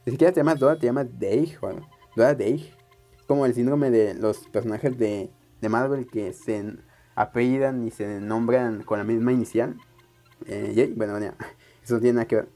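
A young man narrates a video game in a loose, rambling way, talking straight to his viewers. He mocks himself as he plays. His voice sits at an ordinary middle pitch, and soft music plays behind it. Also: moderate pace. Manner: rambling, self-mocking, chats to viewers. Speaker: let's play gamer. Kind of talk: casual gameplay commentary.

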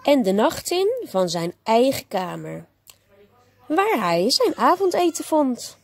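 A woman teacher reading a bedtime story aloud to a child, gentle and expressive. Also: high voice, slow, gravelly, no echo.

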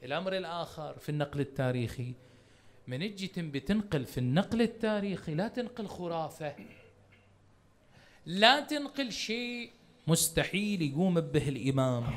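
Bahraini sheikh preaching to the crowd, high voice, fires off rhetorical questions. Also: male voice, a bit bright, a little hiss or hum. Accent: Bahraini Arabic. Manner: emphatic, full of rhetorical questions; addresses the congregation directly. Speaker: religious lecturer. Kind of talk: Muharram sermon lecture.

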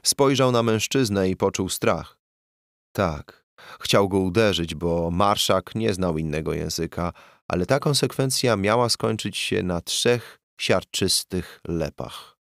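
Man, audiobook narrator, deep voice, measured, dry close studio mic. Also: gravelly, fairly bright tone, dry recording.

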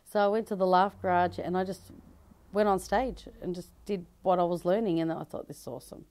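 A woman's voice: on the low side, fairly even intonation, a little fast, darkish tone. A woman in her thirties with an Australian accent, answering interview questions chattily in a dress shop, laughing easily and restarting sentences. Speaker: comedian and fashion designer. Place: bridal dress shop, indoors. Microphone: handheld mic held by interviewer.

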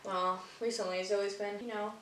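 A woman's voice: mid-range voice, little pitch movement, moderate pace. A young woman co-hosting a casual food vlog, chatty and rambling, often giggling. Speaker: vlog co-host. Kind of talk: casual chat over a meal. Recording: echoey room, mic at a distance, background noise.

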